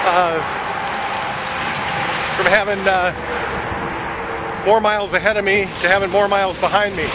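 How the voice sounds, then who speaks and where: A man walking on rural roads who records a casual video diary and interviews strangers in a halting way, full of "uh" fillers. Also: high-pitched, heavy background noise. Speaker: walker filming a fundraiser walk.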